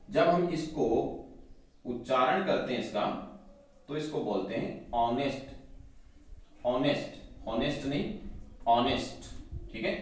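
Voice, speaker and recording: A male teacher giving a grammar lesson, explaining patiently and checking in often with his class. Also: medium pitch. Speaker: English teacher. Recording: very echoey room, mic at a distance.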